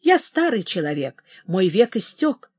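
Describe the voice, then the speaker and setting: Woman voicing dying old admiral, calm, pleading, dry close mic. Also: mid-range voice, measured pace, breathy edge, dry recording. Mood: grave.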